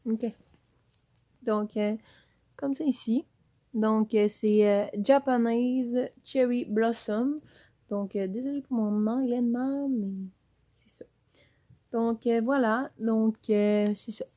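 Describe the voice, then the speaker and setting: A woman's voice: fairly high pitch, fairly even intonation, slow pace, pauses often, mellow, dull audio. A woman with a Quebec French accent chatting through a casual giveaway unboxing in her home office, rambling and upbeat. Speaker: YouTuber. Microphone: camera mic.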